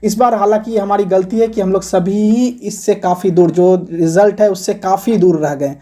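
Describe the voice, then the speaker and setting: A man's voice: sits high, fairly even intonation, moderate pace, mellow. A man teaching an exam-preparation video lesson, explaining answers one point at a time in a conversational way.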